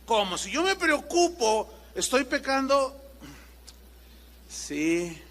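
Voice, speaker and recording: Animated high-voiced man preaching. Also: takes it slowly. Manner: lively, acts out little dialogues, rhetorical questions. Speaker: pastor. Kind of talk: sermon. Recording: reverberant church hall.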